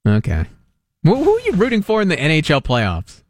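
A man's voice: on the high side, brisk, a little hiss or hum. A man from Long Island, co-hosting a sports talk radio show with joking, repetitive riffs. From Long Island, New York. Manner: animated, joking, riffs and repeats himself. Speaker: radio host. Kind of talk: casual sports talk banter.

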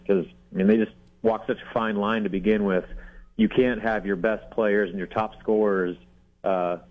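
Male sports reporter calling in, low-ish voice, relaxed with lots of fillers; tinny phone-line sound. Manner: relaxed, frequent fillers and restarts. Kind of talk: casual radio chat. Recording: phone-line call-in audio.

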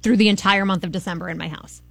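A woman's voice: mid-range voice, fairly even intonation, fast talker, creaky, no echo. Chatty woman radio co-host. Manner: casual, chatty. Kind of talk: morning radio chat.

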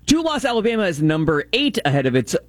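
Guy on a sports show reading game scores, higher voice that bounces around, dry studio sound. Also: sing-song, no echo. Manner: reads scores briskly, banters with co-host. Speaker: sports radio co-host reading news. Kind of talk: sports talk and news reading.

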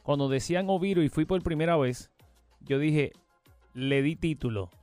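A man's voice: on the high side, normal speed, dry recording, soft background music. A man co-hosting a radio call-in show, joking and teasing the callers and his partner in a studio. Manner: joking, animated, teases callers. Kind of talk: lively on-air banter. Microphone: studio microphone.

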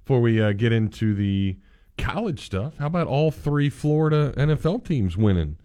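A man's voice: medium pitch, animated, moderate pace, warm tone, dry recording, clean studio sound. A man hosting sports radio, talking and reading ads in a radio presenter's style. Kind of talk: radio hosting and host-read ad reads.

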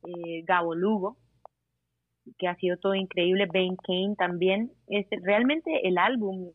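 A woman raised in Costa Rica and Panama talks as an interview guest, relaxed and often breaking into laughter. Her voice comes through a thin, tinny phone line. There is no room sound around it. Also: medium pitch, no room sound. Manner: laughs often between phrases. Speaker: singer-songwriter guest. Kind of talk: casual interview over the phone.

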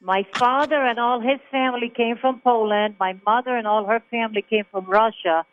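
A woman's voice: fairly high pitch, fairly even intonation, normal speed, a little hiss or hum. A woman from Israel, calling in to a talk radio show and telling her story in an emphatic, chatty way. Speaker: caller. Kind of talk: phone interview on talk radio. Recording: tinny phone line.

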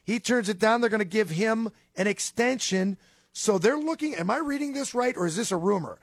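A man's voice: high-pitched, fairly quick, no echo, studio quality. A man hosting a sports radio talk, casually asking his guest questions. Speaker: radio host.

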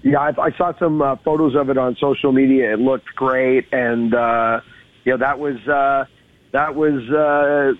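A man's voice: mid-range voice, fairly even intonation, a little slow, no room sound. A man co-hosting a golf talk show, casually commentating and recounting shots in emphatic detail like a golf commentator, over a tinny phone-like line.

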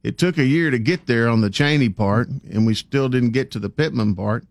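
A man's voice: medium pitch, moderate pace, gravelly, dry recording. A man giving folksy, opinionated commentary as a sports talk host. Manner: plain-spoken, folksy, opinionated.

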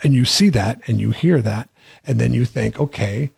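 A man with a gravelly, husky voice co-hosts a casual podcast. He thinks aloud, restarting phrases as he works through his point. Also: mid-range voice, moderate pace, a little mellow. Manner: conversational, hesitant restarts.

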